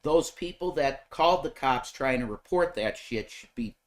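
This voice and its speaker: A man co-hosts a casual stream, pressing his opinions with emphasis. His pitch moves in a lively way, and he sits at a middle register for a man. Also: normal speed. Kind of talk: casual chat.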